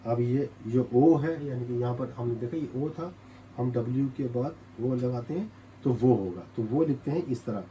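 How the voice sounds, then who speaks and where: A man's voice: medium pitch, moderate pace, dull audio, slight background noise. A man from Pakistan with a Pakistani Urdu accent, teaching a step-by-step writing lesson and patiently repeating each sound as he writes. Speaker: language teacher.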